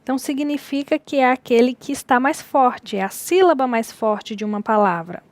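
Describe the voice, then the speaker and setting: Soft-spoken woman teaching a lecture. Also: high voice, no room sound. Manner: slow, explanatory, repeats key words. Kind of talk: recorded distance-learning lecture.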